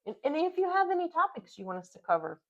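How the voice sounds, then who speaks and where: Chatty middle-aged woman, slightly hoarse. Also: very high voice, big pitch swings, quick pace. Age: 50s. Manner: chatty, repeats herself, trails off quietly. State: losing her voice. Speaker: podcast co-host. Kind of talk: casual chat and read prayer. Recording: dull lo-fi sound.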